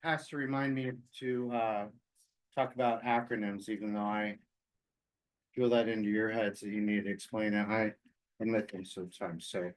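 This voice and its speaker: An American man giving informal remarks as an agency official at a public meeting, with halting phrasing. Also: on the low side, fairly even intonation, low-quality recording.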